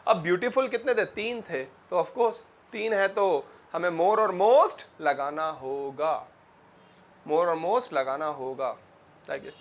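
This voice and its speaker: Standing before a class, a high-voiced young man gives a grammar lecture. He answers his own questions and slowly repeats key words so the students don't get lost.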